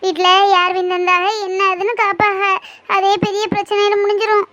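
A woman's voice: very high voice, flat delivery, fairly bright tone, slight background noise. A woman voicing a shy, tender young village woman in love, pleading and emotional, in a cartoon. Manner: pleading, emotional, quick to tears. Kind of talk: cartoon voice acting. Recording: dull lo-fi recording.

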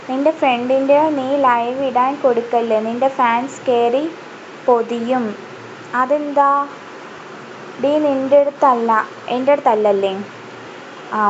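A woman streaming a game live, chatting loudly and teasing back and forth in casual banter. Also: on the high side, fairly even intonation, measured pace, pauses often, muffled recording. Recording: noisy home stream audio.

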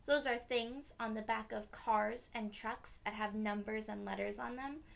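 Inside a small decorated room, a young adult teacher hosts storytime for children, reading aloud and explaining things simply and expressively. Her gravelly voice is on the high side, steady in tone, and a little slow.

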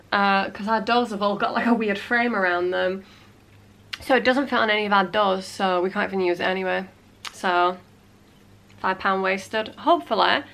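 Her medium-pitched voice is creaky and bright with a forceful tone, and congested from a cold. The woman, a vlogger in her late 20s, chats casually in a small, cluttered room at home, full of "like" fillers and playful asides.

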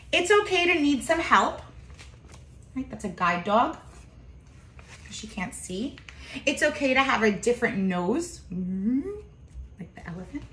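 Indoors in her home kitchen, whose echoey, roomy acoustics come through along with slight background noise, a woman in her thirties reads a picture book expressively to young kids. Her voice is fairly high and a bit bright, and she pauses for simple explanations.

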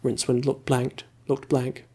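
A man reading a story aloud in a slow, calm, soothing ASMR voice, close to the mic. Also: mid-range voice, breathy edge. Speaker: ASMR reader.

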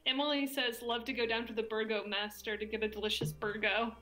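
A woman's voice: fairly high pitch, flat delivery, brisk, bright, forceful tone, faint music behind, poor audio. A woman co-hosting a game stream with laid-back, slangy banter, reading out chat comments.

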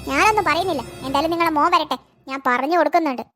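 A woman voicing a harsh, short-tempered mother in an animated cartoon, stern and sarcastic. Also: sits high, rapid-fire, soft background music. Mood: resentful.

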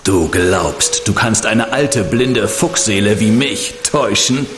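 Echoing, very slow old fox spirit. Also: male voice, lowish voice, animated. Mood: amused. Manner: slow, grand, chuckling delivery. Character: ancient blind fox spirit guardian, amused and solemn. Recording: echoing voice over music.

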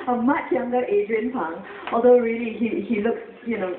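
A woman hosts a public talk, quickly putting question after question to her guest. Her voice comes from far off in an echoey space. The sound is thin and phone-like, with faint noise behind it. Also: a little high. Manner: lively, prompting questions. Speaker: event host.

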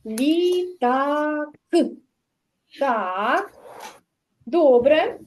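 A woman kindergarten teacher giving a literacy lesson in a classroom, speaking slowly and articulating every sound while coaxing answers from the children. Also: high voice, expressive, rough recording. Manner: slow, carefully articulated, coaxing questions to children.

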